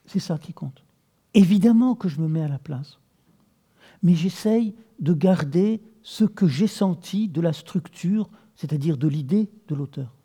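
A translator being interviewed, explaining his work in a thoughtful, measured way with a husky voice. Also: a little high, animated, dark tone.

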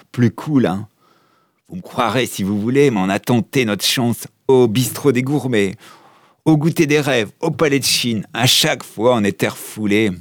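A man's voice: mid-range voice, no room sound, clean studio sound, natural voice. A man playing a chatty grumbling passport. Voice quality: chatty, tacks on "hein" often. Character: chatty male passport, cold-shy, grumbling about travel. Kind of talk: comic monologue.

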